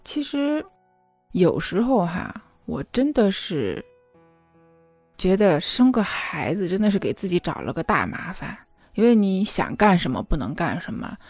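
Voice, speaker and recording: Earnest low-voiced woman confiding. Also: sing-song, unhurried, a little mellow, faint music behind. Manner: earnest, emotional, often asks the listener "you know?". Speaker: mother telling a personal story. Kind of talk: confiding spoken monologue.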